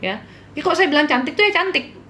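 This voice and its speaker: Earnest chatty woman healer, slightly high. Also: animated, fast, bright, forceful tone, slight background noise. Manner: earnest, pleading, candid and chatty. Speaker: spiritual healer and host. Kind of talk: live-stream storytelling about a client.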